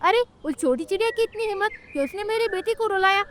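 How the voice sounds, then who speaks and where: A woman's voice: extremely high pitch, animated, fast talker. A woman voicing a hot-tempered mother crow in a cartoon story, scolding and threatening. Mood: angry.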